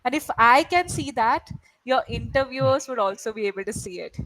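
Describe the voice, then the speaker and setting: A woman from India, native Malayalam speaker, tutors English on a video call, sounding animated and a little fast in a slightly high, fairly bright voice. She's encouraging and frequently asks "right?" to check in. The recording is dry and low in quality.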